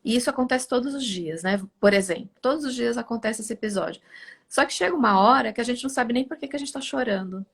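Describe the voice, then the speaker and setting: Woman, middle-aged, gravelly, slightly high, animated casual talk, acts out dialogue. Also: fast. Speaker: live host. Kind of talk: casual conversation.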